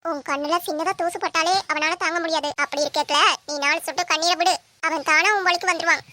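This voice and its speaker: A woman voicing a scheming, sharp-tongued old grandmother in a Tamil family drama. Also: extremely high pitch, steady tone, fast talker. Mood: scolding. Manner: scolding, wailing, sharp-tongued.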